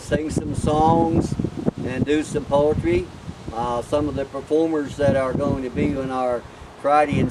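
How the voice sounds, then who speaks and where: Folksy man, distant and noisy recording. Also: on the high side. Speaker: cowboy storyteller and event organizer. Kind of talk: folksy informal storytelling. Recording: distant mic, outdoor wind and traffic noise.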